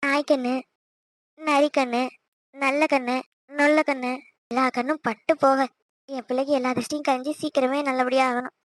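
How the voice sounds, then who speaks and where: A woman's voice: high voice, level tone, normal speed, pauses often, no room sound, natural voice. A woman voicing a worried, doting middle-aged mother-in-law in a cartoon, asking question after question. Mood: fussing. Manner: anxious, doting, many questions. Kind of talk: cartoon voice acting.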